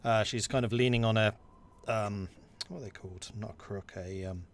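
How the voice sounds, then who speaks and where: A man narrating scenes as game master in a tabletop game, in a measured storytelling manner. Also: on the low side, steady tone, a crowd in the background.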